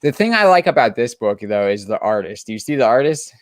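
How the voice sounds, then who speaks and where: A man's voice: mid-range voice, very animated, fairly quick, dry recording, studio quality. A man co-hosting a comic book chat show, talking casually and enthusiastically with lots of restarts and fillers.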